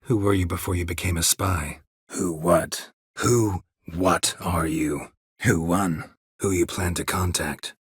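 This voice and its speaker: Geralt, very husky low-voiced monster hunter. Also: male voice, slow, dry recording, heavily acted. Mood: inquisitive, terse. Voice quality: gravelly, husky. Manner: terse, clipped questions, dry and deadpan. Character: stoic, world-weary male monster hunter for hire, dryly sardonic. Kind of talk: video game voice acting.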